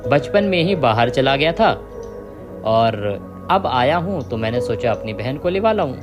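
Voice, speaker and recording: A man's voice: medium pitch, very animated, unhurried. A man voicing a brotherly serpent in a devotional tale. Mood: kind. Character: serpent who becomes a protective brother, male, stern but kind. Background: music.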